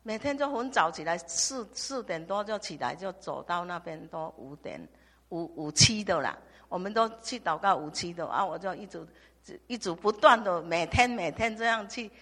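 An older woman from Taiwan, giving a halting church testimony full of restarts and repetitions. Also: fairly low pitch, animated, fairly bright tone. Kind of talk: personal testimony. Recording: long hall reverb.

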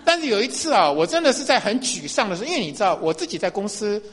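一位中年男牧师在讲道中分享自己的见证，语气随意，常常笑，口头语很多。. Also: male voice, sits high, big pitch swings, very fast, fairly bright tone. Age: middle-aged. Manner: chatty, laughs often, frequent fillers. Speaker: pastor. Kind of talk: sermon testimony.

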